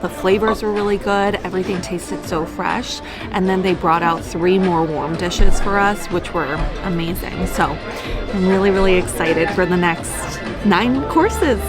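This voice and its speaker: A woman's voice: lowish voice, unhurried, loud music behind the voice, over a noisy crowd. Bubbly chatty woman around thirty. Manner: bubbly and chatty, often says "like". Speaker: lifestyle vlogger. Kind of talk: casual vlog chat to camera.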